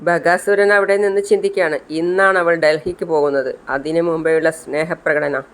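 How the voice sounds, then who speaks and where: A man's voice: fairly high pitch, fairly even intonation, brisk, a bit bright, clean tone, rough recording. A man retelling a TV serial episode in plain storytelling, reading the characters' lines in his own voice. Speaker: serial recap vlogger.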